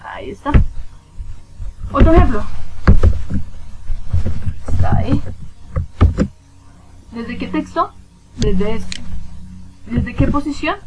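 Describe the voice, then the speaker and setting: A woman's voice: fairly high pitch, animated, slow pace, long pauses, heavy background noise. A woman teacher giving a screen-recorded spreadsheet lesson. She asks and answers her own questions and counts positions aloud step by step.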